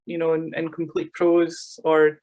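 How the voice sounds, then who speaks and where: A Scottish man interviewing an author, chatty and quick to agree with short backchannel replies. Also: a little high, completely flat delivery, darkish tone. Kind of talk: casual interview chat.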